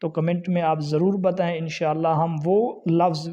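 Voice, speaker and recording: High-voiced man teaching pronunciation. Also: flat delivery, mellow, dull audio. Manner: methodical, spells out vowel marks. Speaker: Islamic studies lecturer. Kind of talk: online pronunciation lesson.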